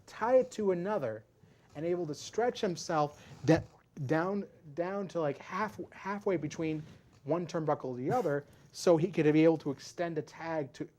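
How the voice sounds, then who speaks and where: He co-hosts a relaxed wrestling podcast, his voice fairly high with a darkish tone and a normal pace. He explains in a meandering way and often starts over mid-sentence.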